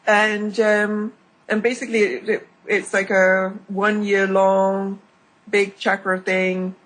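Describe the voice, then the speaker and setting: A woman's voice: medium pitch, little pitch movement, slow pace, fairly bright tone, low-quality recording. A woman guest on an informal radio chat, explaining ideas patiently with lots of fillers. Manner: explanatory, laughs easily, many fillers.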